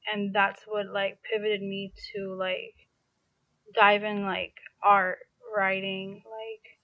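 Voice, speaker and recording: On a phone-quality recording with no room sound, a young New York City woman speaks slowly at medium pitch with little pitch movement. She's a chatty podcast guest in a casual interview, peppering her speech with "like" and restarts.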